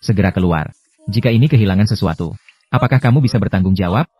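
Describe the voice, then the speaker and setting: A man reading out translated drama dialogue as a recap voice-over, with a stiff, even delivery for every part. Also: lowish voice, fast.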